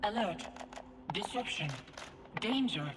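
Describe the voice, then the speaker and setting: A woman voicing a malfunctioning female security construct that speaks in a glitching, robotic monotone and reports errors. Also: medium pitch, slow, noisy background. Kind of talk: video game dialogue.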